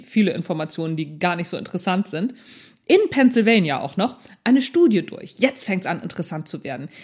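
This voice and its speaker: Chatty podcast host, lively emphasis. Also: female voice, mid-range voice. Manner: chatty asides, breaks off her own reading to joke; lively, stresses key words, shifts pace often. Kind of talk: solo podcast talk, half read, half ad-libbed.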